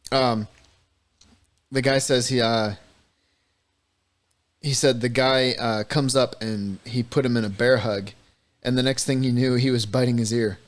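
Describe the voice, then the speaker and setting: A man with an ordinary mid-pitched voice trades stories on a comedy podcast. He is laid-back and swears casually, and he laughs often. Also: steady tone, measured pace, pauses often. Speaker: podcast co-host.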